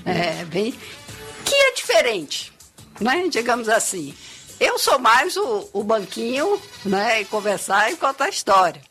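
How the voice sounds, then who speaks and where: A woman who tells stories and writes children's books, talking expressively in a relaxed interview, often ending phrases with a tag question. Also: fairly high pitch, a little slow, faint music behind. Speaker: storyteller and children's author, guest. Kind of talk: conversational interview.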